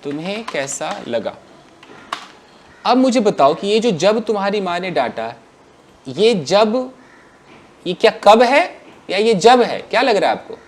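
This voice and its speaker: A man teaching English grammar to a class, asking questions and answering them himself in an animated way. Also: sits high, unhurried, pauses often.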